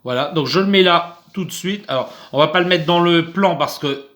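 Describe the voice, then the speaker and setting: A man's voice: on the high side, normal speed, a bit bright. A man hosting his own unboxing vlog, talking casually with lots of hesitations and fillers while he opens a box indoors. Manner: chatty, hesitant, many fillers. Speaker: unboxing channel host. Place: indoors under artificial light.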